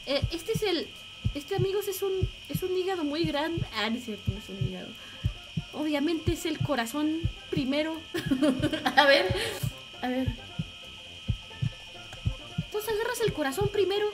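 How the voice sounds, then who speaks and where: A woman's voice: sits high, animated, measured pace, pauses often, background noise. A woman, playfully commentating a game with swearing and mock panic. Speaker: streamer. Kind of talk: comedic gameplay commentary.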